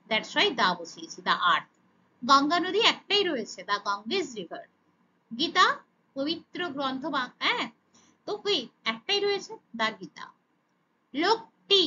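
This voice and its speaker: A woman's voice: high-pitched, sharp tone, lo-fi sound. A woman teaching English grammar to children, speaking with a Bengali accent, asking and answering her own questions and saying "okay" often. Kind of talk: explaining grammar lesson.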